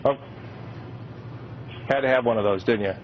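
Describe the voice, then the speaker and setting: A man's voice: mid-range voice, normal speed. An American man covering a storm live as a weather broadcaster, questioning people. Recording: dull radio-like sound, faint noise.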